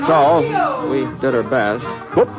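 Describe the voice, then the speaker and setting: A man voices a bashful, kindly frontiersman in an exaggerated, medium-pitched voice with wildly swooping pitch and vocal fry. Narrating and starring in this old-time radio piece, he drawls in an American Western accent, homespun and hesitant, spinning his tale wryly. Music plays on the dull vintage recording.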